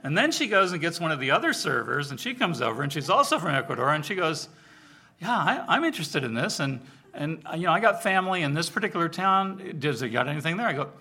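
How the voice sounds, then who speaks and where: A preacher who oversees church outreach delivers a sermon to a congregation, speaking in a fast, husky, rather high voice. His informal, conversational style features personal stories told with animation, and he acts out the dialogue.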